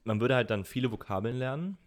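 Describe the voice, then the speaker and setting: A man's voice: mid-range voice, lively intonation, quick pace, slight background noise. A young man in his twenties, co-hosting a podcast in casual chat, explaining things at length with many fillers. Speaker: podcast co-host.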